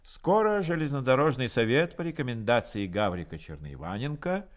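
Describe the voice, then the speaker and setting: A male storyteller narrates a radio play, played by an actor. His voice is mid-pitched with very expressive intonation. The tone is solemn and literary. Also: normal speed, close to an everyday voice. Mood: solemn, elevated. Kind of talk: scripted radio drama narration.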